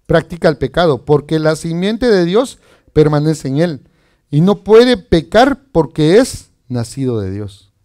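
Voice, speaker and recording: A man's voice: a little high, sing-song, unhurried, darkish tone. A man preaching as pastor, reading scripture and asking the congregation questions in a chatty, conversational way. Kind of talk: sermon.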